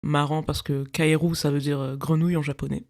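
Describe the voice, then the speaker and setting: A woman's voice: low voice, flat delivery, fairly quick, a little mellow. Chatty young woman hosting a podcast. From France, of Cameroonian parents. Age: 20s. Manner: chatty, digressive, laughs often, slangy. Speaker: podcast host. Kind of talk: casual solo podcast chat. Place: her bedroom.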